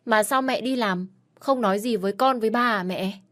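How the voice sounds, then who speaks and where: A woman's voice: a little high, moderate pace, a bit bright, pitched above the performer's own voice, close to an everyday voice. A woman voicing a young boy who pleads through tears, in a storybook reading with faint music behind. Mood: pleading.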